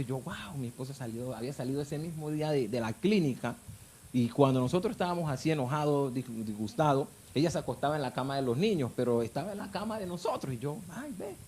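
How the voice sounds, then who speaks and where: A man's voice: medium pitch, darkish tone, slight background noise. A married man, telling his personal faith testimony in a fervent, emotional way. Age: adult, married with children. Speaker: guest giving testimony.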